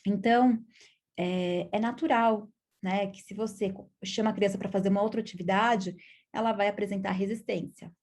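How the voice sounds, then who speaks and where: A woman with a Brazilian Portuguese accent, a child psychologist in her thirties, explaining calmly in an educational video lesson and often adding little tag questions. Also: medium pitch, moderate pace.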